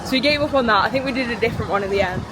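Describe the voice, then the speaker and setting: A woman's voice: on the high side, racing, crowd noise. A woman chatting casually to a handheld camera as a travel vlogger, upbeat and rambling. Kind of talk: casual vlog chat. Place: outdoors in a city street and a small hotel bathroom. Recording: noisy outdoor street recording.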